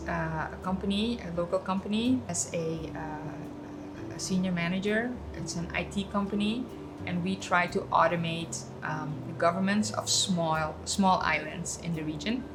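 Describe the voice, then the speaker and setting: A woman's voice: lowish voice, unhurried, low-quality recording. A middle-aged woman from Suriname, a guest chatting casually in a cafe interview, telling stories with frequent ums and uhs. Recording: background guitar music.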